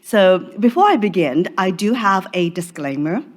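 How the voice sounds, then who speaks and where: A woman from Hong Kong presenting an academic paper at a conference in a measured, formal way. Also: mid-range voice, lively intonation. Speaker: conference speaker. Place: conference session room.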